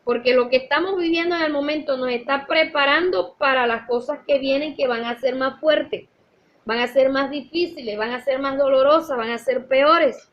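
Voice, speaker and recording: A woman with a high voice gives a Sunday school lesson in a church. She talks earnestly, weaving in personal stories and calling her listeners brothers and sisters. The recording is dull and lo-fi. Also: moderate pace. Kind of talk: church teaching.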